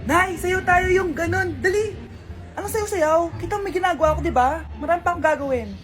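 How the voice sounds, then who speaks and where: A woman's voice: extremely high pitch, a little fast. A woman playing several family roles herself in a comedy sketch, switching voices playfully. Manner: playful voice-switching between mother and child. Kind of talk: acted comedy sketch playing many parts. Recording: music behind.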